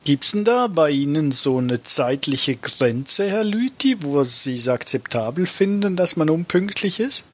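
A man hosting a comedic panel show, questioning the guest in a brisk, mock-strict way. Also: on the high side, sing-song, fairly bright tone, a little hiss or hum. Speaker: host.

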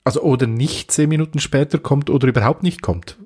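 A man's voice: medium pitch, fairly quick, darkish tone, slightly rough. A man on a comedic panel show, cutting in with short, dry remarks.

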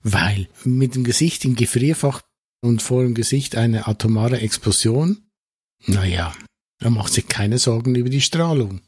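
Very husky man chatting casually. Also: medium pitch, unhurried, darkish tone. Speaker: podcast co-host. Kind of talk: casual chat, retelling a story.

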